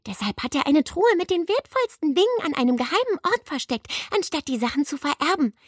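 A high, lively schoolgirl who loves knowing more than her friends, put on by a woman reading a storybook. Her voice leaps up and down with excitement. The recording is close and dry. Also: brisk, no echo. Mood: conspiratorial. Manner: excited, slightly smug. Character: lively know-it-all schoolgirl.

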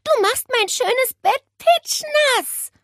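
A woman's voice: very high voice, big pitch swings, measured pace, dry recording, clean studio sound, pitched above the performer's own voice, full character voice. A woman voicing an indignant young girl in a children's storybook. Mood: cross scolding. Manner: indignant, scolding.

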